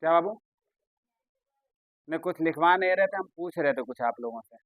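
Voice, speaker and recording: A man's voice: fairly high pitch, expressive, fairly bright tone, dry recording, low-quality recording. Repetitive Urdu-accented male teacher. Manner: repetitive, questioning students, drawn-out explaining. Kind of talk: classroom grammar lesson.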